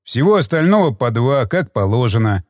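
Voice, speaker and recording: A man voicing a gruff, blunt male soldier with a teasing edge. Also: medium pitch, big pitch swings, normal speed, no room sound, studio quality, big-room sound, natural voice.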